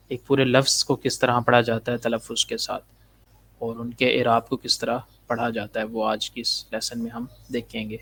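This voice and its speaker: A man teaching a Quran reading lesson, slowly spelling letters and vowel marks, then explaining pronunciation rules quickly. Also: mid-range voice, vocal fry, fairly bright tone, a little hiss or hum.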